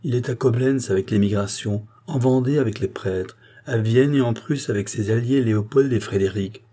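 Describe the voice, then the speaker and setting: Sounding like an audiobook of a classic novel, a man portrays an earnest politician pressing urgent warnings on a queen point by point, explaining and pleading. His mellow, faintly husky voice is slightly raised and insistent, at a moderate pace and close to an everyday speaking voice.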